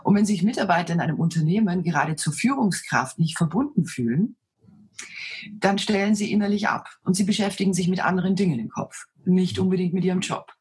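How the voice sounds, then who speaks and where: A woman with a deep, low, husky voice, speaking with self-assurance as a coach answering interview questions. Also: brisk, a little mellow. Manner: self-assured, dominant presence. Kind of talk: conversational interview answers, storytelling.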